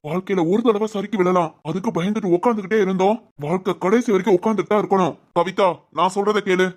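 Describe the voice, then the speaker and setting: A man voicing a firm but loving village father in an animated family drama, with a Tirunelveli Tamil accent and a reassuring manner. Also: high voice, quick pace, lightly acted. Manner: steady, reassuring.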